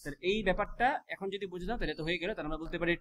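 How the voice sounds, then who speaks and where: Male physics teacher, high voice, rapid delivery, asks students questions. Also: fairly bright tone. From Bangladesh. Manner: quizzes students with quick rhetorical questions; mixes English math terms into his speech. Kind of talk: classroom physics lesson.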